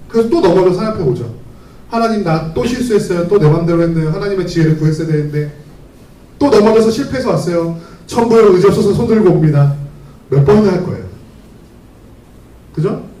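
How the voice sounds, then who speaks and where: A male pastor preaching to a youth group, telling a story and asking many rhetorical questions in a conversational way. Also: very high voice. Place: church hall. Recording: roomy hall, mic from a distance.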